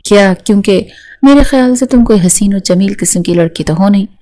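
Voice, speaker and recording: A spiteful young husband snarls his threats, as a woman reads him aloud in a storybook. The voice is mellow and dark in tone, yet scornful and hard. It stays at an ordinary middle pitch. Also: close to an everyday voice. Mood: angry.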